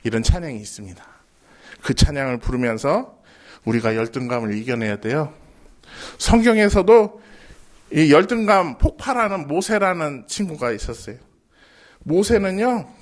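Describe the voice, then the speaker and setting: A man preaching a lively sermon as a junior pastor, telling the story with animated questions to his listeners. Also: fairly high pitch, moderate pace.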